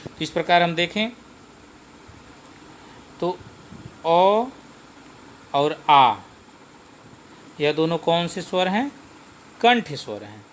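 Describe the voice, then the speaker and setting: Man teaching grammar, slightly high voice. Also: big pitch swings, slight background noise. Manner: slow, repetitive, asks and answers his own questions. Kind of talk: classroom-style grammar lesson.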